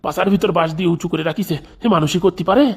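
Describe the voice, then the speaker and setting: An actor plays a cowardly cartoon politician full of bluster. He stammers and rushes his words. The pitch stays ordinary. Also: gravelly, breathy edge. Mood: flustered. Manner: flustered, stammering. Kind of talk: comic cartoon dub.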